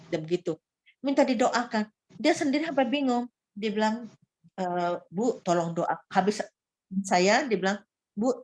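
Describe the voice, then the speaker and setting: Woman, church testimony, recovering from illness, animated storytelling, restarts. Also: mid-range voice, low-quality recording. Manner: animated storytelling, quotes her own prayers aloud, frequent restarts. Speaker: church member giving testimony. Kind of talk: personal faith testimony.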